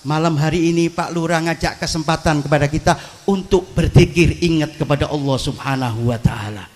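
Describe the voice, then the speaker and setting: A man's voice: a little high, a little fast. A man with an East Javanese accent giving a humorous sermon, telling stories and addressing the crowd at an outdoor evening gathering. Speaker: preacher. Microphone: PA microphone.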